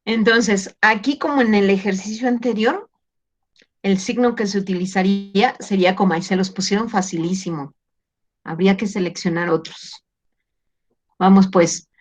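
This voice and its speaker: A woman teacher reviewing an exam with her class over a video call, patient and gently teasing as she questions students. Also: medium pitch, moderate pace.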